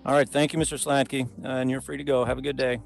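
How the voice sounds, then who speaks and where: A man's voice: medium pitch, little pitch movement, fast, gravelly, soft background music. A man presiding as a judge in a remote traffic hearing, talking plainly and courteously through procedure. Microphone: video call.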